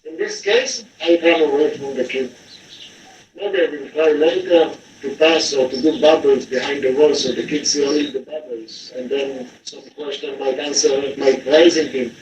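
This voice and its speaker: A man speaking gently and patiently, explaining his approach in a clip played during a meeting. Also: a little high, steady tone, moderate pace. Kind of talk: explanatory talk in a played video. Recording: muffled distant roomy clip with faint noise.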